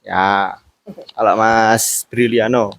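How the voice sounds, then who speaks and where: A man's voice: on the low side, steady tone, slow, vocal fry, a bit bright, dry recording. Young male host from Boyolali, playful schoolboy banter, dry close sound. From Boyolali, Central Java. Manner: playful, jokey, mixes in Javanese words. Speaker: host interviewing classmates. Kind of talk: casual school interview chat.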